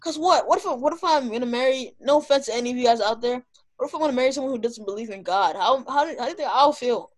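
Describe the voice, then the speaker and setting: A woman's voice: high-pitched, quick pace. A young woman telling stories in casual chat, with slangy speech peppered with "bro". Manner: slangy, often saying "bro".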